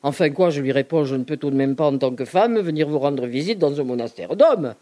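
A woman giving an expressive, outspoken dramatic reading of letters. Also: deep voice, a little fast. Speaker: reader.

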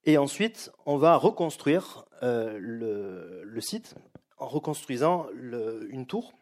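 A middle-aged man giving a public lecture to a live audience, explaining in a measured, hesitant way with frequent pauses and restarts. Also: medium pitch, very animated.

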